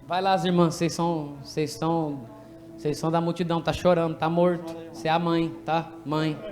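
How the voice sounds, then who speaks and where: A man with a Brazilian Portuguese accent preaching an animated, jokey sermon in a church, directing people from the pulpit to act out a story. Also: a little high, fairly quick. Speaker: pastor. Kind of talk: lively sermon with congregation re-enactment.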